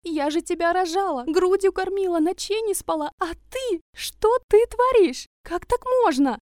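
A woman voicing a hysterical wealthy mother who shrieks and wails in drawn-out cries. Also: lively intonation, darkish tone, no room sound, studio quality. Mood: hysterical shrieking. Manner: shrill wailing, drawn-out cries.

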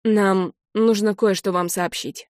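A woman voicing a grave, kindly middle-aged male vicar who speaks slowly and solemnly. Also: medium pitch, steady tone, a little mellow, no echo, clean studio sound, lightly acted.

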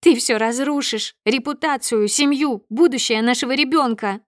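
A woman reading an audiobook voices a furious, spiteful young wife. She shrieks high and loud, then drops to a venomous hiss. The sound is dry and close, with no room around it. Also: moderate pace, no echo, natural voice. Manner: shrieking, hissing threats. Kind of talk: audiobook character voice.

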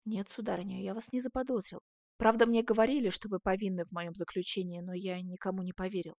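A woman voicing a gentle, earnest young man who pleads and protests, in a dry close recording. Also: mid-range voice, steady tone, quick pace, no echo, close to an everyday voice. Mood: calm. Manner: earnest, imploring.

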